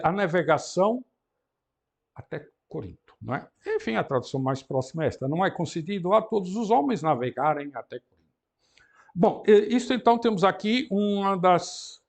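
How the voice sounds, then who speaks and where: A man teaching a Greek class, who explains each point step by step, reads Greek words slowly and repeats them, and often asks "não é?". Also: fairly high pitch, a little mellow, husky. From Brazil. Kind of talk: university lecture.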